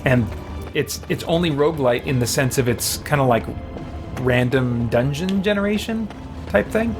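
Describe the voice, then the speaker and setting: Here a man in a mid-range, animated voice keeps up casual live-stream chat and game commentary at a moderate pace. He rambles and thinks aloud as he plays, with game music behind him.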